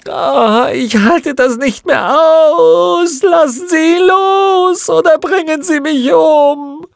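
A man voicing a terrified, tortured witch woman who pleads in a high, strained, crying voice. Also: measured pace, creaky, a little mellow, no room sound, studio quality, full character voice. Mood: desperate pleading. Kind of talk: audiobook reading.

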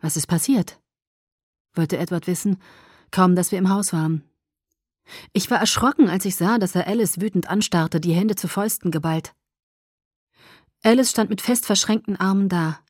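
An audiobook narrator with a husky, low, slightly mellow female voice reads scripted first-person narration from a novel at a moderate pace. The studio sound is clean, with no room sound.

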